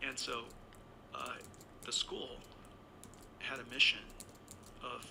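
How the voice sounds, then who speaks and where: Man, sixties, from Taiwan, gravelly, rambling anecdotes, heavy background noise. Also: mid-range voice, little pitch movement, slow pace. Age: 60s. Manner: rambling, anecdotal, with self-corrections. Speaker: interview guest. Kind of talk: conversational storytelling.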